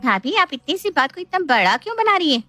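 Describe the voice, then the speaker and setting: A sharp-tongued young woman from a cartoon story, whining and bossing in a high, squeaky voice, put on by a woman narrator. The voice is dry and close, with no room around it. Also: very animated, fast, no echo, soft background music, full character voice. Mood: taunting.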